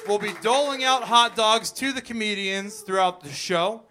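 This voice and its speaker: A man's voice: sits high, normal speed, background noise. A man co-hosting a live comedy show, joking and laughing often as he explains the rules. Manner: jokey, laughing often, playful.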